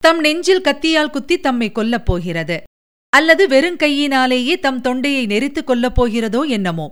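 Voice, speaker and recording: A woman presenter narrating a serialized novel aloud in a measured, expressive reading style. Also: high-pitched, clean tone. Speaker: presenter and storyteller. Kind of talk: scripted audiobook narration.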